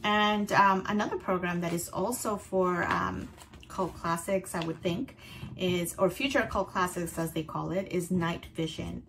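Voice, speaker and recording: Low-pitched, creaky-voiced woman presenting picks. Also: fairly bright tone, slight background noise, rough recording. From outside North America. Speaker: festival picks host. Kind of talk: semi-scripted film recommendations, conversational.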